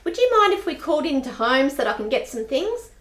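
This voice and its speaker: This is amateur radio-play acting: an actress voicing a bold, bossy bank clerk, a spinster in her forties. She speaks briskly and plainly in a fairly high, lively voice, and the space sounds echoey.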